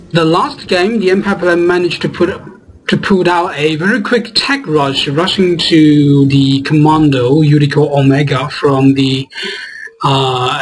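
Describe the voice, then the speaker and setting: A young man with a slightly high voice casts a strategy game match. He rambles, repeats and corrects his words, and lifts with excitement when a play surprises him. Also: poor audio. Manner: gets excited at surprising plays. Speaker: game commentator. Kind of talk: casting a video game match.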